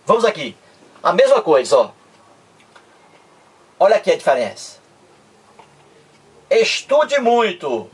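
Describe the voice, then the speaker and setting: A man teaching grammar to online viewers in a casual lesson. He keeps saying "look here" and slows way down to stress example phrases. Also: fairly high pitch, very animated, slightly rough.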